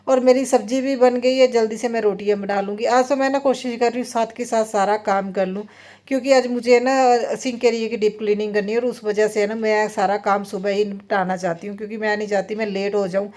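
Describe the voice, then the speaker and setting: A woman's voice: mid-range voice, steady tone, a little fast, a little mellow. A woman in her thirties, a mother and vlogger, chatting through a casual voice-over about her day at home. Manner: chatty, rambling, many fillers. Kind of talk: casual voice-over vlog narration. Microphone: phone voice-over.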